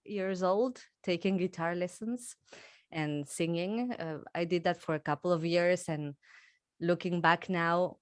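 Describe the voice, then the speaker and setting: An Argentine woman in her thirties, a musician, chats as a guest in a casual interview and laughs often. Her voice is fairly low, smooth and a little slow, captured with clean studio sound and no echo.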